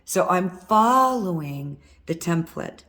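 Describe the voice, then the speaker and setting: A woman with a low, worn-out, hoarse voice walks through a hands-on wire craft lesson. She is middle-aged and husky, and she talks casually while she works. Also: animated, slow, pushed and bright. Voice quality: husky from vocal cord nodules. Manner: chatty, talks while working with her hands. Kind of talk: step-by-step craft tutorial.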